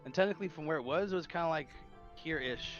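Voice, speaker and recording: A man's voice: fairly high pitch, muffled recording, soft background music. A man playing a tabletop game who chats casually, joking and rambling. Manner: joking, rambling, talks in quick bursts. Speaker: player. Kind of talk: casual chat at a gaming table.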